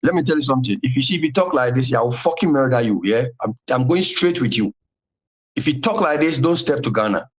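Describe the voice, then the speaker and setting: A man's voice: medium pitch, expressive, fast. A man in a recorded voice note, issuing menacing, swearing threats and repeating himself over and over. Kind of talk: aggressive threats in a phone conversation.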